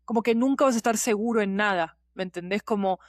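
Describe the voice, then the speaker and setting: A fiction podcast producer, appearing as a woman guest on a podcast, gives a reflective, candid interview answer in colloquial speech, often checking that the listener follows. She talks fast in a mid-range voice, recorded in studio quality with no room sound.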